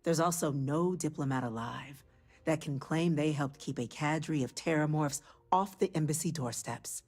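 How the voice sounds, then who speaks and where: A woman's voice: low voice, moderate pace, darkish tone. An actress voicing a female government official in a video game, speaking in a formal, official manner.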